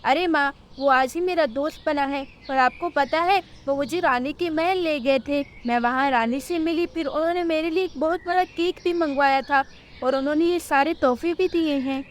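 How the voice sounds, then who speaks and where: A sulky, demanding little girl bird from a cartoon story, speaking in a very high, childish whine, as a woman narrator puts her on. She talks like a spoiled child who wants things her way. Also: moderate pace, a little hiss or hum, lightly acted. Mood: pleading.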